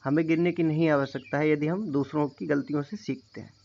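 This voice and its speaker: Fairly quick and steady in tone, this lecturer's voice is on the high side, creaky and somewhat dark. He keeps checking that students understand by repeating "theek hai," captured on a dull, lo-fi recording.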